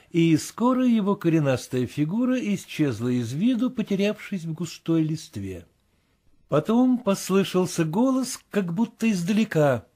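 A man's voice: a little high, dark tone. A man reading literary prose aloud as an audiobook narrator, telling the story expressively.

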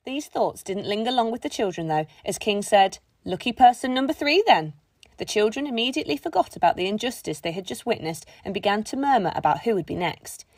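Woman narrator for a kids' audiobook, lively storytelling, close dry recording. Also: mid-range voice, fast talker, hardly any pauses, no echo. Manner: expressive storytelling. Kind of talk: scripted narration.

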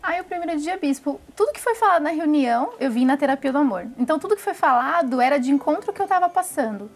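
A young woman with a Brazilian Portuguese accent speaks in a high, bright voice. She gives an earnest, emotional testimony in an interview, talking in a plain conversational way and often tagging her sentences with questions. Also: expressive, fast talker. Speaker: former samba dancer giving testimony.

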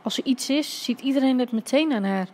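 A woman voicing a relaxed, teasing father who paints. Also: sits high, fairly quick. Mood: earnest. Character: easygoing painter dad, joking, a bit serious.

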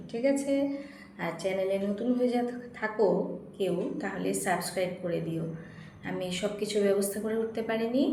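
A woman teacher dictating exam questions to young pupils, slow and patient, spelling words out syllable by syllable. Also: mid-range voice, dark tone. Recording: echoey room with faint noise.

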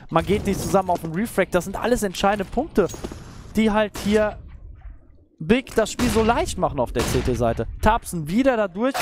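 Casting note: male esports caster, high-pitched voice, live match commentary over game gunfire. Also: a little hiss or hum. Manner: esports caster delivery, analytical, exclaiming at big plays. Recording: game gunfire and clicks behind voice. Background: video game gunshots.

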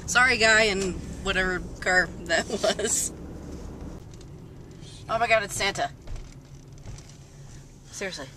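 A woman's voice: mid-range voice, slow, long pauses. A young woman chatting casually and teasingly while filming a vlog, often giggling. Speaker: vlogger. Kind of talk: casual chat. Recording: noisy handheld camera audio.

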